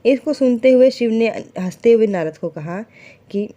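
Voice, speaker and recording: A woman's voice: a little high, moderate pace, warm tone, highs cut off. A woman retelling a devotional story in a casual, conversational way, asking and answering her own questions, with fillers and self-corrections as she goes.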